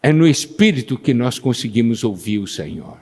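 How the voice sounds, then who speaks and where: A man preaching a sermon who slows down to stress scripture and asks the congregation questions, pausing for their answers. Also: mid-range voice, very animated, a little mellow. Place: church meeting hall. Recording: long hall reverb.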